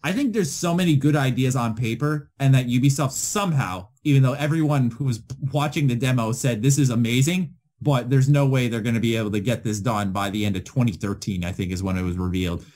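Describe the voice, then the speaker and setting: An enthusiastic young co-host runs through gaming segments on a casual podcast. He teases his friends freely and gets excited about games. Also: medium pitch, a little fast, hardly any pauses. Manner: enthusiastic, teasing. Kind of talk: casual chat.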